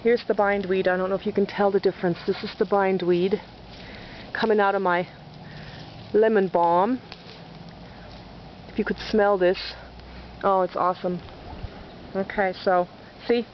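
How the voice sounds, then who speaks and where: Woman chatting thru a garden tour, casual and self-deprecating, dull lo-fi camcorder sound, outdoor noise in back. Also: mid-range voice. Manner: chatty, self-deprecating, narrating as she walks. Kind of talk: casual walking video tour. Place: sunny backyard garden outdoors. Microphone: handheld camera mic.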